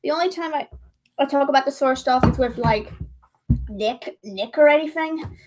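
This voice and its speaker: A young woman draws on a livestream while chatting casually, rambling and correcting herself over a noisy background. Her high voice, at normal speed, has gone a little strained.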